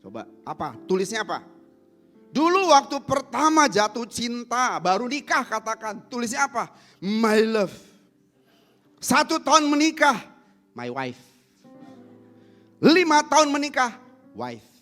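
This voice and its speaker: A man preaching a sermon to a congregation, swinging from loud emphatic lines to low soft asides and acting out little family quarrels. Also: big pitch swings, unhurried, long pauses, soft background music. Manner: acts out everyday family quarrels to make points. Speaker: pastor. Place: church service.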